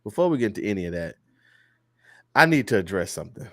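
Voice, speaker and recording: Man, podcast host, animated comic storyteller, dry sound. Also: on the low side, quick pace, no room sound. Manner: animated storyteller, laughs often, loud mock-preacher bursts. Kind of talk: casual comedic rant.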